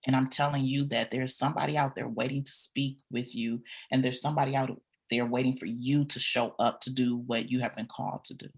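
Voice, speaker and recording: A woman's voice: extremely low pitch, steady tone, a little fast, husky. A woman from Michigan, a counselor, talking earnestly and encouragingly as a podcast guest. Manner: earnest, encouraging, lists things off. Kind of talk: casual interview talk.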